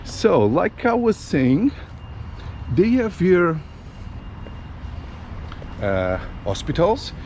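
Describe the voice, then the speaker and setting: A man's voice: high-pitched, huge pitch swings, darkish tone. Man vlogging on city streets. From Portugal. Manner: unhurried, many fillers and restarts. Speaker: travel vlogger. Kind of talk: casual walking tour vlog. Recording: street noise in background.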